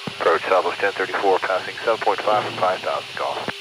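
A man speaking as an airline pilot over the aircraft radio, giving clipped, routine readbacks of clearances. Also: low voice, fairly quick. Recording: radio transmission under loud aircraft noise.

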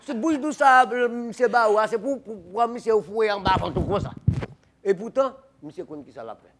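A man's voice: high-pitched, normal speed, background noise. A man with a Haitian accent playing a rambling, repetitive debater in a comedy sketch, laughing as he talks. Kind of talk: improvised comic debate sketch.

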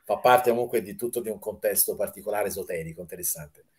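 A man's voice: lowish voice, fast talker. A talkative, enthusiastic man being interviewed as a fan film maker on a video call, often restarting his words. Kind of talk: casual live-stream interview.

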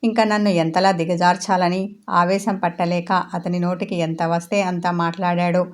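A woman author reading aloud her own romantic family drama serial, narrating and voicing the characters herself. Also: lowish voice. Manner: reads all the characters in one steady voice.

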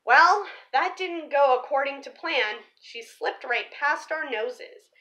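Indoors in a small room at home, a young woman reads a storybook aloud and presents to children like a teacher sharing a picture book. Her high, animated voice is bright and forward, taking things slowly and leaning expressively on key words.

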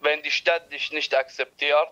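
Calm, measured roleplay man. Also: on the high side. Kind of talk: in-character street roleplay.

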